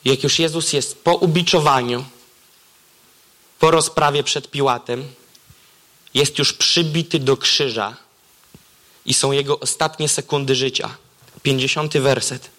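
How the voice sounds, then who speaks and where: High, bright-voiced dramatic preacher man. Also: unhurried, pauses often. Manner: dramatic swings between high excited and low hushed delivery; exclaims wow and reads scripture aloud. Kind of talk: sermon.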